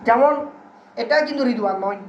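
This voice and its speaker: A man's voice: very high-pitched, fast talker. A male teacher leads a lesson, constantly checking whether his students follow. He sounds set back from the mic in a roomy classroom. The recording is dull, with a faint hiss underneath. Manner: keeps quizzing students, call-and-response drilling. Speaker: Urdu grammar teacher. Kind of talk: classroom lecture. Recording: roomy, distant, dull and slightly noisy.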